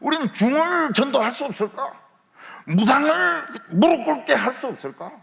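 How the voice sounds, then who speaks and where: Male revival preacher, wildly expressive delivery, long church hall reverb. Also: very high voice, moderate pace, gravelly. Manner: lively preaching with rhetorical questions and humor. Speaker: pastor. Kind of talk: revival sermon. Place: large church sanctuary.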